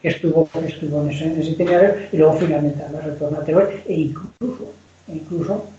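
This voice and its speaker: This guest, a Spanish man who writes novels, talks informally about history in a meandering way full of restarts and repeated words. His slightly high voice is warm and fairly even, and he speaks quickly. Dull, low-fidelity sound with room echo.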